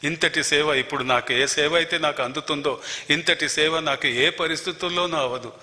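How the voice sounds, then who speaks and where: A man's voice: on the high side, a little fast, bright, forceful tone. An older man giving an earnest, emphatic church testimony, repeating his key phrases. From Telangana, India. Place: prayer hall. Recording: long reverb of a prayer hall.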